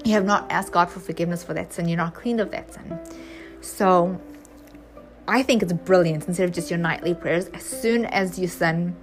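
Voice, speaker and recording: A woman giving an earnest, chatty devotional talk to her viewers, with bursts of excitement and many restarts. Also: lowish voice, normal speed, soft background music. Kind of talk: casual devotional talk to camera.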